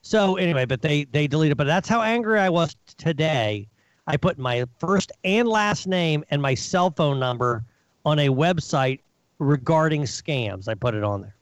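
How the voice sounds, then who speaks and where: Podcast regular, a higher-voiced man, worked-up storyteller, dry close sound. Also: normal speed, dry recording, low-quality recording. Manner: animated, indignant storytelling with swearing. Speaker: regular guest of the show. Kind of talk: casual podcast chat.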